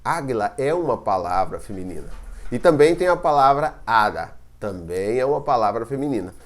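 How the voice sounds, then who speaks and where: A man with a mid-range voice, lively intonation, and normal speed teaches Spanish in a recorded grammar lesson. He has a Brazilian Portuguese accent, explains step by step, and often checks that the students follow.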